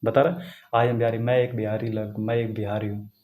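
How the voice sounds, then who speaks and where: A man's voice: fairly low pitch, little pitch movement, a little fast, a little mellow. A man teaching English grammar in a casual classroom style, repeating points and checking that students follow. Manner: repetitive, asks students questions, writes on a board.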